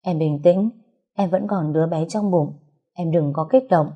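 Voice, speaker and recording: Woman voicing calm protective older brother, gentle soothing, low voice. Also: normal speed, lo-fi sound, lightly acted.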